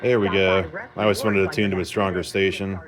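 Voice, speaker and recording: A man with a deep voice talks briskly with little pitch movement, showing a restored vintage car radio inside a repair shop. He rambles casually through the demonstration in the informal, self-assured manner of a hobbyist vlogger.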